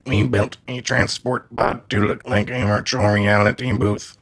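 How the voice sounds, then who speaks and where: A man voicing a slimy alien captor with a hollow, mechanical monotone. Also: fairly low pitch, measured pace, dry recording. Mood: menacing. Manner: flat monotone.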